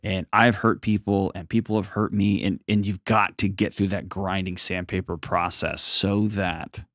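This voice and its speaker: A man with a fairly deep voice coaches a caller in a conversational style. He is plain-spoken and folksy, leaning on key words for emphasis. The sound is very dry, with no room around it. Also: steady tone, normal speed, fairly bright tone, no echo. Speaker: advice show host counseling a caller.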